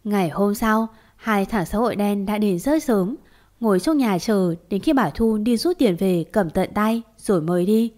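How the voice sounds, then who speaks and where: A woman reads a family drama aloud as a scripted audio story. Her narration is emotive and dramatic, at an even mid-range pitch. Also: moderate pace.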